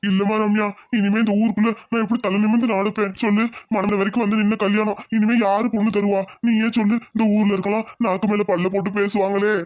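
Performer playing a middle-aged cartoon father, mournful and self-reproaching, mid-pitched. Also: flat delivery, fast, few pauses, natural voice. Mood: remorseful. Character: grieving village father, middle-aged man. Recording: dull lo-fi sound.

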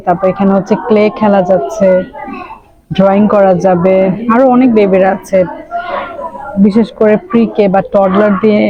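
A woman's voice: medium pitch, mellow, lo-fi sound. A young woman from Bangladesh gives chatty running commentary for her daily vlog, slipping English words into her speech as she films on a handheld phone. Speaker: vlogger and mother. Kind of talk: casual daily vlog narration. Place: outdoors in winter and inside a library.

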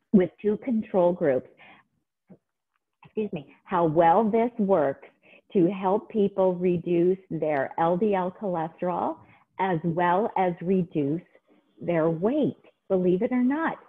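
A woman's voice: lowish voice, breathy edge. Chatty woman on a tinny call. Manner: chatty, enthusiastic. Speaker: cooking demonstrator. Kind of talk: casual cooking demo. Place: home kitchen. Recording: tinny phone-like video call audio.

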